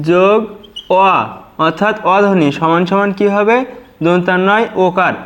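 Male tutor, high voice, slow careful sounding out of each syllable for exam students. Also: lo-fi sound. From Bangladesh. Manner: slow, syllable-by-syllable spelling out, repeats "dekho". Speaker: teacher. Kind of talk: exam prep pronunciation lesson.

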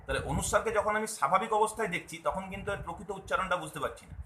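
A man's voice: high voice, racing, fairly bright tone, roomy sound, a little hiss or hum, poor audio. A man giving a video lesson to viewers, patiently explaining and repeating, often asking a question and then answering it himself. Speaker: Bengali language teacher.

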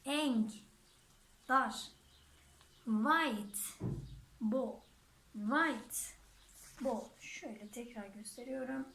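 A woman's voice: a little high, extremely slow, pauses often, fairly bright tone. A woman teaching a vocabulary lesson, saying each word twice and then translating it. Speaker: German teacher. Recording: echoey room.

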